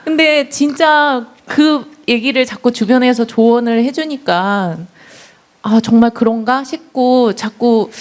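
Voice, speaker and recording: A woman's voice: on the high side, darkish tone. Young woman questioner, hesitant, polite, a little nervous. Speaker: audience member asking a question. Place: lecture hall.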